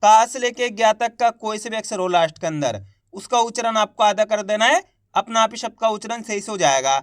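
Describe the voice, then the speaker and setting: A man teaching beginners to read Hindi, spelling out syllables slowly and patiently and having the viewer repeat after him. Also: sits high, animated, fairly bright tone, no room sound, studio quality.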